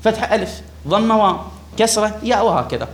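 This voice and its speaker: Fast-talking grammar teacher. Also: male voice, sits high, animated. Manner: emphatic, quizzes students, repeats key words. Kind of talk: classroom lesson explaining a text.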